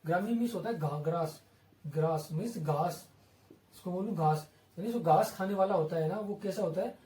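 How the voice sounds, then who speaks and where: High-voiced man teaching, echoey room. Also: normal speed, warm tone. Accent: Indian English. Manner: repetitive, asks and answers his own questions. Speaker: English vocabulary teacher. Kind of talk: exam-prep lesson. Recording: roomy, from a distance.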